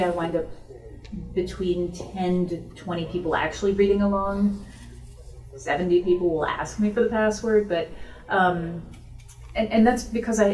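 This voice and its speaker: Her voice leans low and a little mellow as this author fields audience questions in a casual, conversational, explanatory way. The setting is a bookstore event room, recorded through a distant microphone with a roomy echo.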